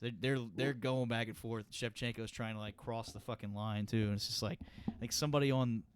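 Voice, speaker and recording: A man co-hosting a soccer podcast, excitable and rambling, swearing freely. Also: mid-range voice, fairly quick, a little hiss or hum. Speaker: podcast co-host. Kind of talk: casual chat.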